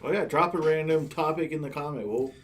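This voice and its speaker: A man's voice: a little high, brisk. A man co-hosting a podcast, casually bantering with sarcastic, blunt remarks and frequent swearing. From United States. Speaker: podcast co-host.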